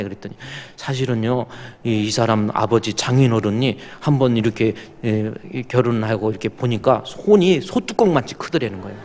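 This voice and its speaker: A man's voice: mid-range voice, a little mellow, slight background noise. A man preaching a sermon as pastor, telling folksy stories and coaxing the congregation to answer him. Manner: folksy storytelling, quotes others, coaxes congregation to respond. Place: church sanctuary. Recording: long reverb of a church hall.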